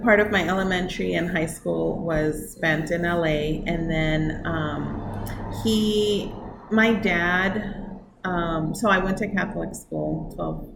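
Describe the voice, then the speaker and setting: A woman's voice: fairly low pitch, creaky. A woman in her forties from New York, a coffee shop owner chatting in an interview with lots of fillers and frequent laughs. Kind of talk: casual interview. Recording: echoey room with background noise.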